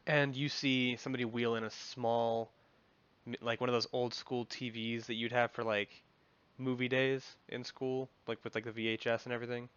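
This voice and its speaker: A man's voice: mid-range voice, level tone, moderate pace, fairly bright tone, clear, resonant tone, dull audio. A man narrating as game master in a tabletop game, describing scenes in a rambling way full of fillers.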